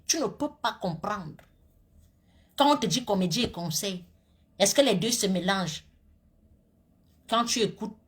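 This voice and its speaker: A woman's voice: fairly high pitch, a bit bright. A woman, a social media comedian scolding her critics in a heated rant to viewers. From Cameroon.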